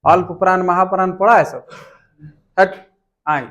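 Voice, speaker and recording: Slow, high-voiced teacher. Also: male voice, fairly even intonation, a bit bright. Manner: unhurried, repeats each question aloud. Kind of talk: exam question walkthrough.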